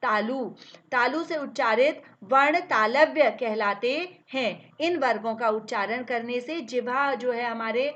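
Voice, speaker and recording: A woman teacher talks through a lesson at a slow, careful pace, often asking a question and then answering it herself. Her voice is bright and pitched a little high. The recording is dull and lo-fi. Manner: explains step by step, asks and answers own questions; drawn-out, slow sounding of each letter. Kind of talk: classroom grammar lesson.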